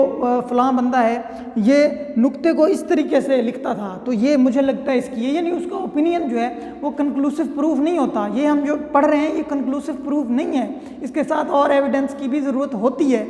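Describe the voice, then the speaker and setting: An extremely high-pitched, mellow male voice delivers a casual, explanatory law lecture in an echoey room with long reverb. He keeps things conversational, regularly checking in with listeners by saying "theek hai."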